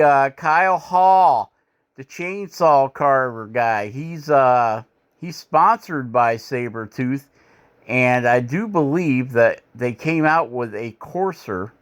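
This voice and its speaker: Narrating footage from his woodcarving channel, this middle-aged man from Michigan speaks in a smooth, slightly high voice. He rambles in a folksy, self-deprecating manner, peppered with "uh."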